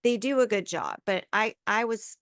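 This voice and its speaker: A middle-aged woman hosting a casual podcast, talking about her own poker start in a rambling, relaxed way. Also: medium pitch, normal speed, dry recording, clean studio sound. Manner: rambling, self-interrupting, relaxed. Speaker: podcast host, poker player. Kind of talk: casual interview chat.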